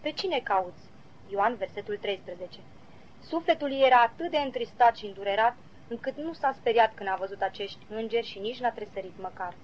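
A woman reading a devotional Bible commentary aloud in a measured, earnest way, citing verses as she goes. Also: fairly high pitch, slight background noise. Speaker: Bible teacher. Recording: slightly dull lo-fi recording.

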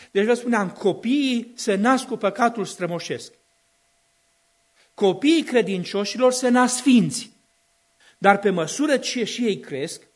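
A man preaching a sermon to a congregation, in an emphatic, repetitive cadence that swells into loud declaiming. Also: sits high. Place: church hall with a congregation of a few dozen.

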